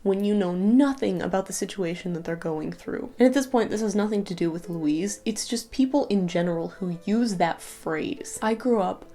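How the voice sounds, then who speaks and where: Tearful young woman vlogging, mellow voice. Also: mid-range voice, normal speed, few pauses. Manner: tearful, earnest and rambling. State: crying at times. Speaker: YouTuber. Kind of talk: emotional personal vlog.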